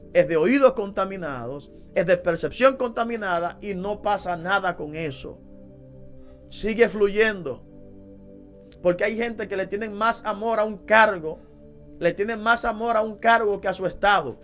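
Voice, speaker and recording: A man preaching a sermon as a deliverance minister, emphatic and fond of rhetorical questions. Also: high voice.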